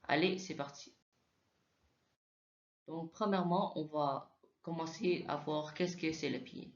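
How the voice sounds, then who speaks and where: A man teaching Mandarin sounds in a slow spoken lesson, hesitating often and repeating each sound aloud for practice. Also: on the high side. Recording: echoey room, slightly dull sound.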